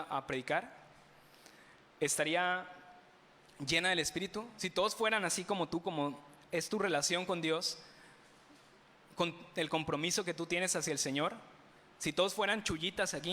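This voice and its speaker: A Mexican pastor delivers a sermon in a church sanctuary, his voice bright and a little raised. He keeps asking the congregation rhetorical questions and slips in playful humor. Long reverb from the hall trails each phrase. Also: high-pitched. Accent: Mexican Spanish.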